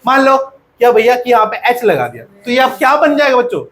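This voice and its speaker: A man's voice: very high-pitched, sing-song, fairly quick, a bit bright, slight background noise. A male teacher lecturing a classroom of pupils, often asking questions and repeating the answers.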